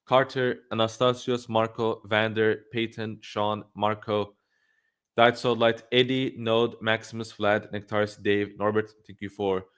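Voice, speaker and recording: A man's voice: on the low side, fairly bright tone, clear, resonant tone. A man hosting a livestream, giving blunt, opinionated commentary and thinking aloud with frequent restarts. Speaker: livestream host.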